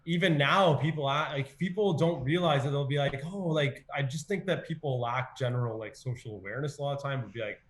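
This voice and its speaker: A young man who is a podcast guest, talking casually with many restarts. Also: mid-range voice. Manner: halting, with many restarts and fillers. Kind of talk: casual chat.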